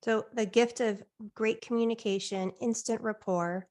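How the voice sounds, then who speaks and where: A woman's voice: on the high side, fairly even intonation, normal speed, a little mellow. A woman leading a life coaching session in an encouraging, affirming, reflective way.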